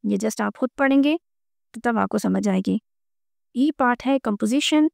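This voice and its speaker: A woman explaining a school textbook lesson, reading the English lines slowly and then explaining them in Urdu. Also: on the high side, gravelly, a little mellow, no echo, clean studio sound. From Pakistan. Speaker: teacher.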